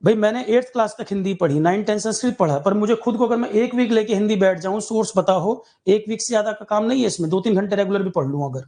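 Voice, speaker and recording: A man's voice: high voice, fast talker, few pauses, mellow. A male coaching teacher giving exam aspirants a candid, blunt talk full of rhetorical questions.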